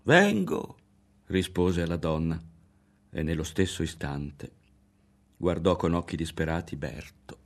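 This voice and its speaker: Deep-voiced Italian man reading a novel. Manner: measured, expressive reading. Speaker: audiobook narrator. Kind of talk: literary audiobook reading.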